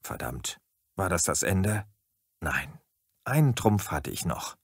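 Deadpan low-voiced male storyteller. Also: takes it slowly, husky, no echo, studio quality. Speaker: narrator. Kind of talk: scripted narration of a comic story.

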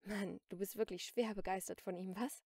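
A woman reading an audiobook, voicing an adult saleswoman in an art gallery who speaks in a brisk, matter-of-fact way. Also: mid-range voice, fairly even intonation, darkish tone, no room sound, clean studio sound, close to an everyday voice. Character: adult female gallery saleswoman, cool then frightened.

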